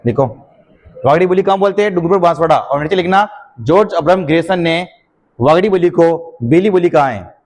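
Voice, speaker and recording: A man's voice: a little high, lively intonation, fairly quick, darkish tone. A teacher dictating notes in a classroom lecture, often quizzing his students with a question and then answering it himself.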